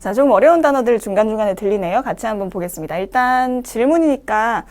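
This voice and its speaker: A woman teaching English pronunciation in a lecture, explaining step by step and reading the English phrases slowly to show them. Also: fairly high pitch, expressive, darkish tone. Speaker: English speaking-test instructor.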